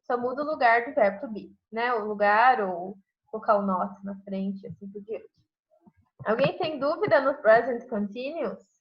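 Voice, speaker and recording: A woman's voice: fairly high pitch, animated, moderate pace. Brazilian woman teaching English, lots of "né". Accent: Brazilian Portuguese. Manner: explains step by step, says "né?" constantly. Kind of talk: online class grammar review. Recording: dull lo-fi online class audio.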